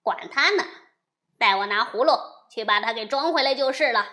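A woman voicing a cocky younger male demon king, loud and taunting in a storybook reading. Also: fairly high pitch, brisk.

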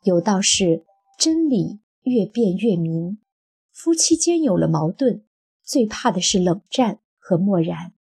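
Breathy woman narrating an audiobook. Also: medium pitch. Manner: brisk, expressive reading. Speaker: storyteller.

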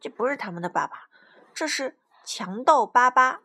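A woman reading a children's storybook aloud expressively, pausing to explain things to a child. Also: a little high, expressive, pushed and bright, breathy edge.

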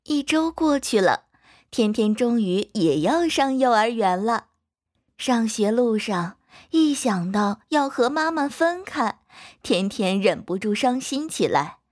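A woman narrating a children's storybook in a gentle, expressive way. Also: a little high, slow pace.

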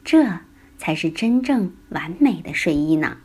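A woman storyteller narrating a bedtime story, gently addressing small children. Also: on the low side, sing-song, unhurried, husky.

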